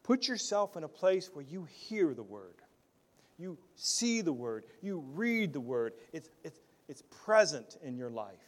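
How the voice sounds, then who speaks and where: A pastor preaching a sermon, earnest, often repeating words as he restarts, moving between loud stressed phrases and quiet asides. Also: fairly high pitch, sing-song, unhurried.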